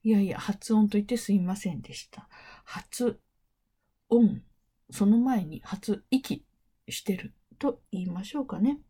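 Speaking at medium pitch, this English interpreting teacher, a middle-aged woman, lectures in a relaxed, unhurried way. There's warmth and mellowness in her voice, plus some huskiness, and occasionally she lowers it to near a whisper.

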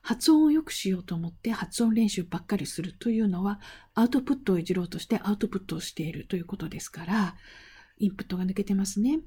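Chatty woman teacher with a husky, mellow voice. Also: mid-range voice. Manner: chatty and playful, rhetorical questions, occasional breathy asides. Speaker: interpreting instructor. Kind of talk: casual spoken lesson answering a student question.

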